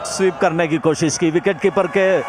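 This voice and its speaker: A man's voice: sits high, steady tone, moderate pace, over a noisy crowd. A man describing play in live cricket commentary. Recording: loud outdoor stadium noise. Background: loud outdoor ambience.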